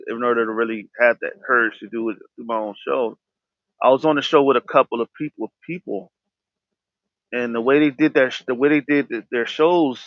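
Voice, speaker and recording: Hosting his own podcast, a man with a medium-pitched, fairly bright voice shares candid personal talk, stuttering and restarting words often. The audio is dry, dull and lo-fi.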